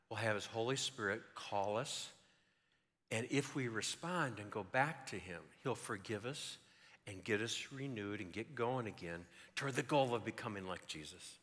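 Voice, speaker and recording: Older pastor preaching in a big reverberant hall. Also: male voice, on the low side. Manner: animated storytelling with joking asides. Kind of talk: sermon. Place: church sanctuary. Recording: long reverb of a large hall.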